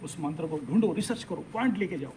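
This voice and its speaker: A man's voice: a little high, expressive, fast, mellow, slight background noise, low-quality recording. A man teaching a live workshop audience, speaking emphatically and animatedly and mixing English phrases into his talk. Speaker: astrology teacher.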